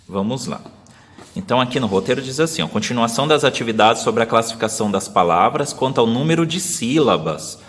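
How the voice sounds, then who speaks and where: A man with a Brazilian Portuguese accent, a teacher explaining a lesson step by step and slowly sounding out syllables for young pupils. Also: medium pitch, lively intonation, long reverb tail. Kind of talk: remote class video lesson.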